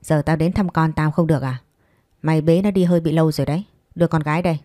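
A woman's voice: low voice, fairly even intonation, fast, warm tone, no room sound, clean studio sound, natural voice. Woman reading as a crude bullying husband. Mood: taunting. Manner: coarse, taunting.

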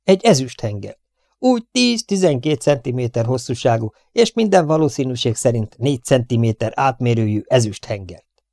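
A man doing a gruff one-armed army captain in a storybook reading, impatient and blunt. He fires his questions hard and loud, in a dry, close recording. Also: medium pitch, expressive, no room sound. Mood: gruff, interrogating. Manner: blunt, interrogating.

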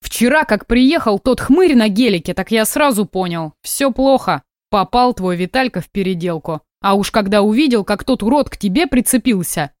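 A woman's voice: mid-range voice, animated, normal speed, few pauses, dry recording, studio quality, lightly acted. A woman reading an older male caretaker who speaks bluntly and with worry, in an audiobook. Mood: concerned. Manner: blunt, worried.

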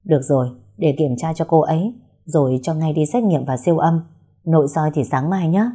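A woman voicing a practical female hospital doctor who speaks in a brisk, matter-of-fact way. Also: low-pitched, dark tone, slightly rough.

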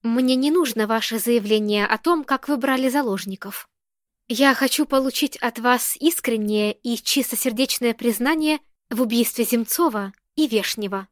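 A woman's voice: a little high, dry recording, clean studio sound, close to an everyday voice. A woman reading as a cold, stern businesswoman. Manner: firm, cool, measured. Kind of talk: audiobook character reading.

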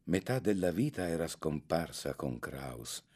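A man narrating an audiobook with a measured, literary reading. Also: extremely low pitch, big pitch swings, a little mellow, husky. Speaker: audiobook reader. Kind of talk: scripted narration.

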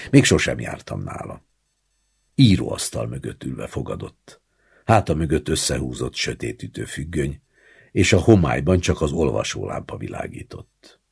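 Man reading a literary story, first person, really low husky gravelly voice. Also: darkish tone. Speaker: audiobook narrator. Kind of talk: literary audiobook narration.

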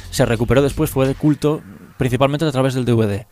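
Fast-talking man from a Spanish film podcast. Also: medium pitch, steady tone, dark tone. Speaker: podcast panellist. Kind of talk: casual film discussion.

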